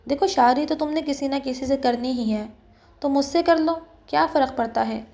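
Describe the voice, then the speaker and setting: A woman's voice: sits high, creaky, darkish tone. A woman voicing a persistent, lovestruck young man who teases and coaxes playfully. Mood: teasing. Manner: playful, coaxing pleading.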